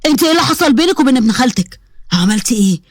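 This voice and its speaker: A woman's voice: high-pitched, very animated, very fast, no room sound, clean studio sound. A woman playing a furious strict Egyptian father. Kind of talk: storybook voice acting.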